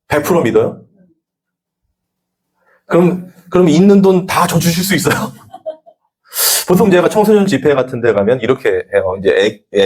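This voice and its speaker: A man's voice: fairly high pitch, darkish tone. A male pastor giving a conversational sermon at a Sunday church service, telling stories and acting out the dialogue.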